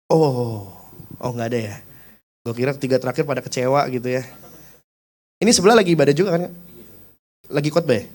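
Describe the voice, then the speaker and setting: A man's voice: mid-range voice, a little fast, long pauses, a little mellow. A young adult man with a Jakarta accent preaching a sermon, talking casually in slang and telling stories from his own life. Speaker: youth pastor. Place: church service.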